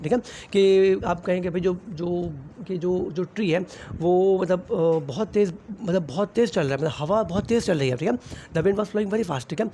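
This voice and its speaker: A man's voice: on the high side, warm tone, slight background noise. A young man with a Pakistani Urdu accent explaining a lesson to students, mixing in English terms and saying "theek hai" often. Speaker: teacher. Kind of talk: classroom explanation.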